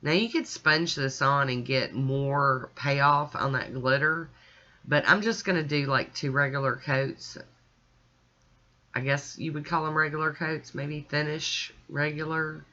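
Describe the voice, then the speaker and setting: A woman's voice: extremely low pitch, slow, bright, forceful tone, muffled recording. A woman chatting casually as she talks the viewer through her nail art, step by step. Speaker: nail art channel host.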